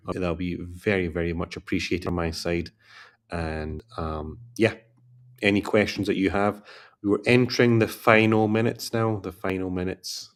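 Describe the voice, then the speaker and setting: A man with a very low voice closes out a long livestream as a career coach. He sounds tired and yawns between thoughts, talking in a loose, rambling way and repeating his requests to like and subscribe. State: tired, yawning. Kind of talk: casual livestream chat.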